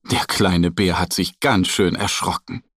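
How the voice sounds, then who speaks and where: A man narrating a children's story in a slow, gentle, expressive way. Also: low-pitched, gravelly, breathy edge, no room sound, clean studio sound.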